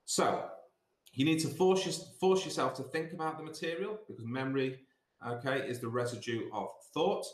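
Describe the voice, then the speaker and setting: Over a roomy, echoey video call, a middle-aged British sixth form director talks at medium pitch and normal speed. It's an assembly talk with instructive exam revision advice, points repeated for emphasis, recorded on a computer mic in a small indoor office.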